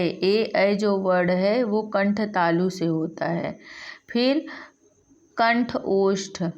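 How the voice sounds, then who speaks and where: A woman gives a lesson at an unhurried pace, sounding out each letter in turn and going back over it. Her voice sits at a middle pitch. The recording is a little dull and lo-fi. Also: a little mellow. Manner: slow, repeats and spells out sounds one by one. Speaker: Sanskrit teacher. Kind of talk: classroom lesson.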